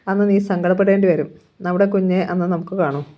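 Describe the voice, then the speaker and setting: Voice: medium pitch, fairly even intonation, fast, muffled recording, lightly acted. A storyteller reading aloud, voicing a stern, resentful middle-aged father who lectures in a Kerala Malayalam accent. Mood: reproachful. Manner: reproachful, lecturing.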